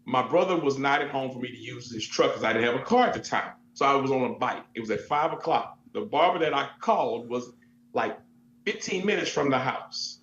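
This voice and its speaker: A man who works as a DJ and MC, telling stories in a relaxed, expressive way during an interview. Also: medium pitch, brisk. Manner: easygoing, expressive, laughs while telling stories. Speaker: DJ and MC, event entertainer. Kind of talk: casual interview storytelling. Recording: echoey, dull lo-fi sound with faint hum.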